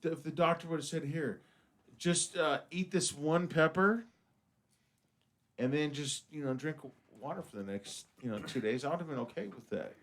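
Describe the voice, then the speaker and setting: A man's voice: fairly high pitch, moderate pace. A man in his fifties hosting a casual radio talk show, rambling with many stammered restarts. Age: 50s. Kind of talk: casual studio chat.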